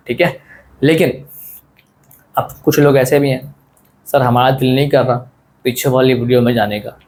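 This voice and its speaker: A man teaching an online lesson in a relaxed, friendly way, asking questions and answering them himself and often repeating his points. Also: mid-range voice. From South Asia. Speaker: Quran teacher.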